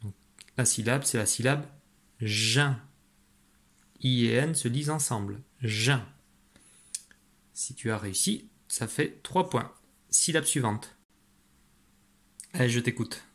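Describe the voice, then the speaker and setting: A man's voice: medium pitch, animated, vocal fry. Patient man teaching phonics to children. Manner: patient, slow, spells out letters and sounds; encouraging, praises the listener. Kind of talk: phonics lesson for young children.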